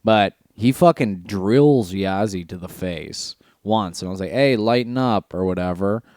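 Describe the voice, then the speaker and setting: Blunt, deep-voiced man telling gym stories. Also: unhurried, mellow, dry recording, clean studio sound. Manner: blunt and profane, storytelling. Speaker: podcast co-host. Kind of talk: casual chat.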